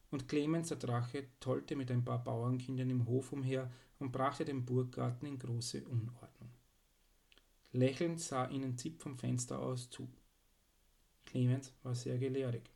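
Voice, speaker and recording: A man narrating a children's storybook in a calm, even manner. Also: medium pitch, gravelly.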